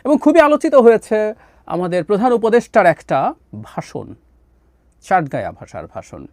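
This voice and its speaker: Male commentator, lively pitch, fairly high voice, dry close sound. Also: moderate pace, dry recording. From Bangladesh. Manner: animated, drops into English phrases, many "ah" fillers. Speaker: political commentator. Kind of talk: solo political commentary.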